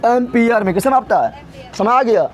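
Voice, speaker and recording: A man's voice: very high voice, expressive, moderate pace. A man teaching a physics class, drilling his students with repeated questions. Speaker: tutor.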